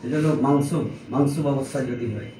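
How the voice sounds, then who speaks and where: A man's voice: mid-range voice, fast, dark tone. A man teaching grammar to a small class, explaining step by step and checking that his students follow. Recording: echoey room, mic at a distance, faint noise.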